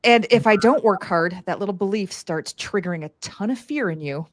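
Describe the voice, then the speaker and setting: A woman's voice: medium pitch, expressive, brisk, no room sound. A woman speaking as an interview guest, explaining animatedly with lots of 'like' and 'you know'. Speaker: guest strategist. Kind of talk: conversational interview.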